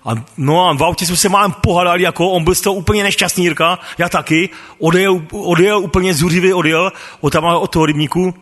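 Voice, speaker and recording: A man's voice: high voice, steady tone, few pauses, fairly bright tone, big-room sound. A man sharing a personal faith testimony as a ministry worker, stammering through restarts and chuckling often.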